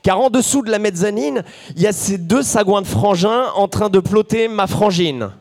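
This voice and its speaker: A man's voice: high voice, lively intonation, normal speed, darkish tone, soft background music. A man performing a bawdy, self-mocking comic story in rhyme in front of a live audience.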